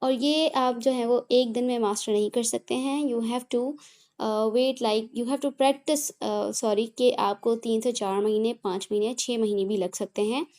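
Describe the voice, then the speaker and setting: Mellow-voiced woman explaining phonics steps. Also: a little high, steady tone, measured pace. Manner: mixes Hindi and English, explanatory, frequent "theek hai" check-ins; self-correcting with apologies. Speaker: phonics tutor. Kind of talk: step-by-step teaching talk.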